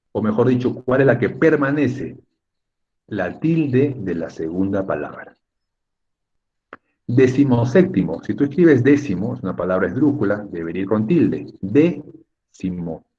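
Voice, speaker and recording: A man's voice: lowish voice, darkish tone, slightly rough, muffled recording. A man teaching a spelling lesson in an online class, chatty and joking with his students over a computer mic.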